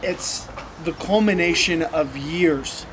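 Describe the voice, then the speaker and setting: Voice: medium pitch, slow, noisy background. Teasing mock-serious contest judge. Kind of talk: casual chat.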